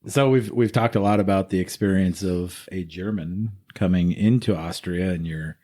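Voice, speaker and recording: Low-pitched man from the States, co-host, relaxed and joking, rambling questions. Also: normal speed. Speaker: podcast co-host. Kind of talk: casual chat.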